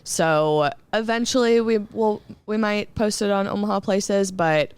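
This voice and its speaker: A young woman chats casually as a podcast co-host, talking quietly with little projection. Her voice is smooth and clear, recorded close and dry. She keeps an easy, conversational tone. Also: a little slow, no echo. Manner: soft-spoken, low projection. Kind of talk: casual chat.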